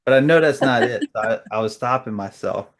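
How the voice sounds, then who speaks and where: A man's voice: mid-range voice, a little fast, crowd noise. A man co-hosting a casual conversation, chatty and friendly. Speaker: co-host.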